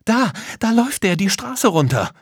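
Guy doing a high little girl voice, eager and urgent, storybook. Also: expressive, a little fast, vocal fry, dry recording, clean studio sound, full character voice. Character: curious, eager young girl.

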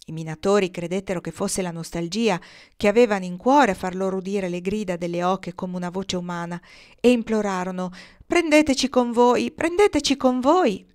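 A woman reading a storybook aloud in a measured, expressive narration. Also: lowish voice. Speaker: audiobook reader.

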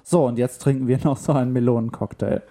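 Ein Mann liest einen lässigen Raumschiffkapitän. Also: male voice, medium pitch, fairly even intonation, quick pace, warm tone, close to an everyday voice. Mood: breezy. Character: laid-back male space captain.

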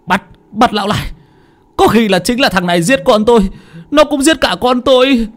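Cast: man voicing an old villager, livid, yelling curses high and wild. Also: lively intonation, normal speed, full character voice. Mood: enraged. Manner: shouting curses. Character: furious old village man, grieving father.

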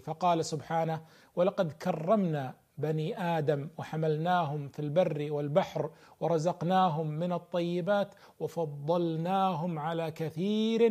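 A man presents a religious programme in formal standard Arabic. His voice sits somewhat high for a man, with a very mellow, warm tone. He speaks rhetorically, turning straight to his viewers as a preacher would.

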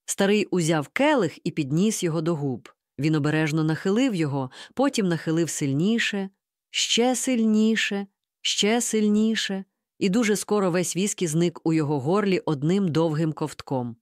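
A woman reading a story aloud in the first person, with lively, expressive narration into a close mic. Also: on the low side, moderate pace, no room sound. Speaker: audiobook reader.

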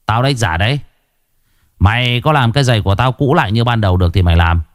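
A man's voice: mid-range voice, fast talker, lightly acted. A man voicing an arrogant, swaggering rich man who swears and mocks in a coarse way. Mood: mocking.

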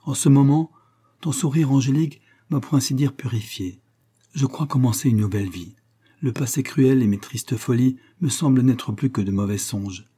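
A man reading the part of a young man deeply moved by love, speaking in an earnest, emotional way in an audiobook. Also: moderate pace, warm tone, slightly rough, close to an everyday voice.

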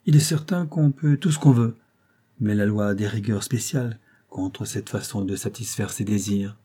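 A man's voice: on the low side, moderate pace, dark tone, breathy edge. A man reading a novel aloud and voicing a young man who teases with dry amusement. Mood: wry. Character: wry young man, gently teasing.

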